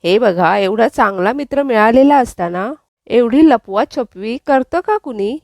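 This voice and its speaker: A woman's voice: on the high side, expressive, a little slow, vocal fry, a little mellow, no echo, studio quality. A woman voicing a playful, teasing young man in a retold serial scene. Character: young man, teasing, gently mocking hero. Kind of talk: recounted serial dialogue.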